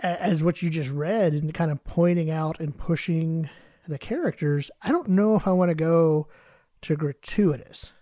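Mellow male podcast co-host, casual. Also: on the high side, moderate pace, no echo, clean studio sound.

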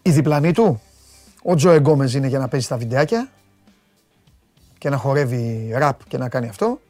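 A man gives a comic football tirade in a middle-pitched voice, mocking the players one by one. He bursts out loudly and then drops into low mutters. The recording is dry and close, with no room sound. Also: animated, no echo, faint music behind. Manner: mocking rants that swing from loud outbursts to low muttered asides. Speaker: comedian doing football commentary. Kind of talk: satirical comic monologue.

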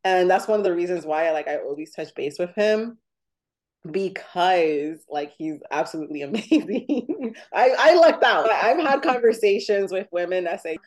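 A woman's voice: fairly low pitch, lively intonation, normal speed. A woman in her thirties hosting a podcast, chatty and laughing often, with lots of "like" fillers. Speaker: podcast host. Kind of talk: casual podcast chat.

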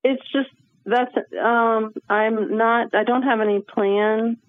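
A woman's voice: a little high, steady tone, slow pace, no echo. A woman from Connecticut calling in to a radio show over the phone, speaking hesitantly. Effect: phone line. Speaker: caller. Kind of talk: call-in radio chat. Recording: tinny dry phone line.

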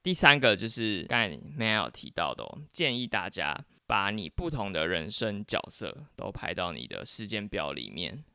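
A male podcast host with a Taiwanese accent talks listeners through things casually. His voice is fairly low and bright, and his intonation moves up and down in a lively way. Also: moderate pace, vocal fry, hardly any pauses, smooth, no room sound, clean studio sound.

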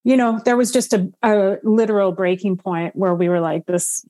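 A middle-aged woman with a mellow, warm tone and a middle pitch. She talks slowly and thoughtfully, pausing often on "um" as she reflects in a casual interview. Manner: reflective, unhurried, many "um"s. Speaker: guest homestead farmer.

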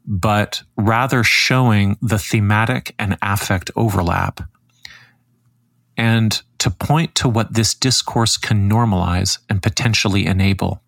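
A man hosting a podcast, reading scripted commentary in a measured, critical way. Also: lowish voice, creaky, a bit bright, dry recording. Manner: measured, critical, reads quotes aloud. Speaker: podcast host.

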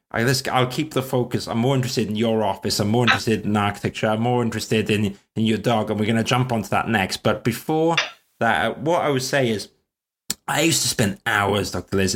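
A man's voice: lowish voice, fairly bright tone, slight background noise. Chatty Welsh-born man hosting a podcast. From Wales. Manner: chatty, rambling, self-deprecating. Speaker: podcast host. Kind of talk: casual chat.

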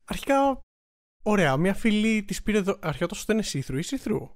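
Chatty man podcast host, slightly high voice. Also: big pitch swings, no echo, clean studio sound. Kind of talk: casual podcast chat.

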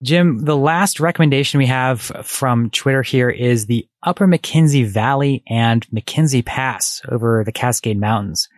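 A man's voice: mid-range voice, a little slow, hardly any pauses, no room sound, studio quality. A man co-hosting a casual podcast in an easygoing, friendly way. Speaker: podcast co-host. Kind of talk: casual chat.

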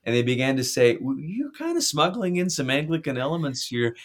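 Speaking a little high and sing-song at a fairly quick clip, a middle-aged pastor and author from Malaysia gives an earnest, reflective conversational interview. He often starts his phrases over.

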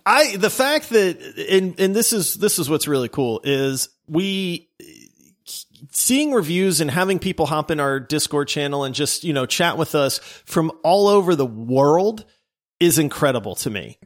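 A man's voice: a little high, sing-song, measured pace. A man co-hosting a casual gaming podcast, enthusiastic and stumbling over restarts as he reads listener reviews. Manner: enthusiastic, trips over names, restarts often. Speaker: podcast co-host.

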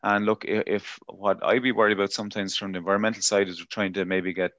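An Irish man with a low voice conducts a conversational interview. He takes a slightly tentative, roundabout path to each question. The sound is dry, with very little room to it. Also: little pitch movement, fast, a bit bright, dry recording, muffled recording. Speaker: interviewer, farm environmental adviser.

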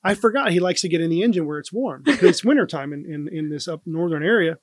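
A man's voice: fairly high pitch, fast, no echo. Man telling a story on a podcast, dry close mic. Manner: relaxed anecdote teller, lots of "like" and "um". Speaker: first responder guest.

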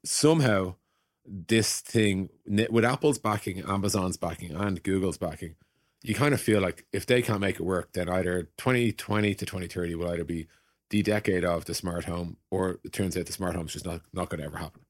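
In clean, echo-free studio sound, a low-voiced man speaks briskly. He's a podcast host and tech executive leading a casual tech discussion, making his points through imagined quotes.

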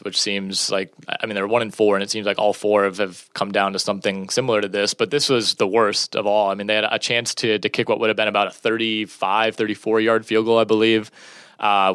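Male podcast co-host, lowish voice, talky and meandering, dry close mic. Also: a bit bright, clean tone, no echo. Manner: chatty, rambling, many fillers. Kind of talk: casual sports chat.

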